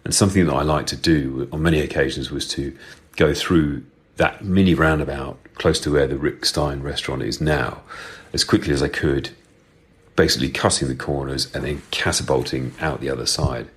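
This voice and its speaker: A middle-aged man speaking through a voice changer that makes him sound very deep, telling a rambling story in a recorded voice message as a listener. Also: normal speed, husky. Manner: chatty, rambling storyteller with filler ums. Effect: voice changer pitching the voice very deep.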